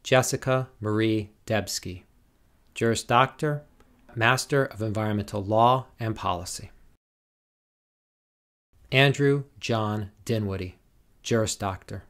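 A man announces graduates' names one by one at a commencement. He speaks very slowly and deliberately, in a lowish voice, keeping a formal, measured rhythm. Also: fairly bright tone. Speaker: commencement name reader.

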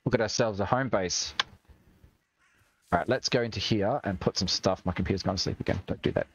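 A young Australian man chats, jokes and swears while streaming a video game. His voice is lowish and fairly quick, and the sound is lo-fi.

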